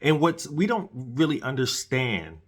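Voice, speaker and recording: With candy in a dry mouth, a podcast host gives a solo commentary show, preaching earnestly and often repeating or restarting what he says. His mid-range voice is very animated yet unhurried, carrying a breathy edge.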